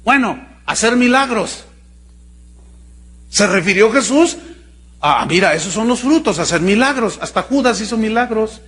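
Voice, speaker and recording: A man from Mexico with a Jalisco accent, a pastor preaching a sermon in an animated, joking way, full of rhetorical questions. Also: high voice, normal speed, long pauses, breathy edge. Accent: Mexican Spanish, Jalisco. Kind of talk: sermon with storytelling.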